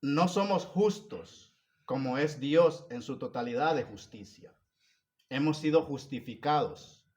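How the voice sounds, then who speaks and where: A man preaching a sermon, moving between loud emphatic stretches and soft hushed ones, asking the congregation repeated questions. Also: medium pitch, measured pace.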